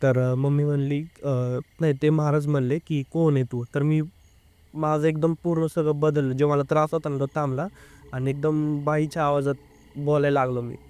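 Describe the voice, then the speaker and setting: A young man telling a personal story as an interview guest, speaking earnestly and haltingly, with filler sounds. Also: fairly high pitch, level tone, darkish tone, smooth, no echo. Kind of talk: casual first-person storytelling.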